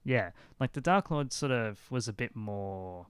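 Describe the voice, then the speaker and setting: A man hosting a relaxed podcast, recalling things in a loose, rambling way. His voice is smooth and clear. The sound is dry and close. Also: mid-range voice, unhurried, no echo. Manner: rambling, full of restarts and "like". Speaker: podcast host. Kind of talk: casual chat.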